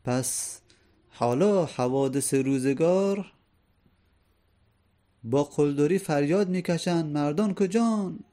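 A man's voice: fairly high pitch, pauses often, warm tone. A man teaching a lecture on classical poetry, explaining each verse line by line and asking his listeners rhetorical questions.

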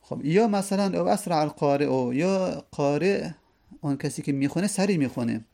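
A man teaching a lesson, who reads classical verses slowly and then explains them at length. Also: fairly high pitch, lively intonation, creaky, warm tone. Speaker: teacher of hadith studies.

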